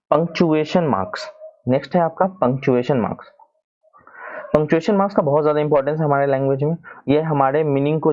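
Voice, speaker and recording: A man's voice: mid-range voice, a little mellow. Hindi-accented guy teaching english grammar off slides, keeps asking "है ना", kinda dull lo-fi audio. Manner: explanatory, keeps asking "है ना", spells words out slowly. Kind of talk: slide lesson explaining grammar.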